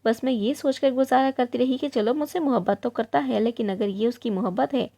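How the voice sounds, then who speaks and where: A woman narrating an emotional moral story in the first person, in an earnest, steady storytelling tone. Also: fairly high pitch, gravelly.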